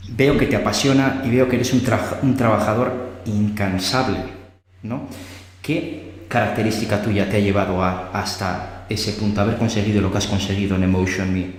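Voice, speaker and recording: A man's voice: lowish voice, fairly even intonation, normal speed. A man hosting an interview, asking questions in a hesitant, restarting way. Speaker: podcast host, interviewer. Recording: roomy hall echo.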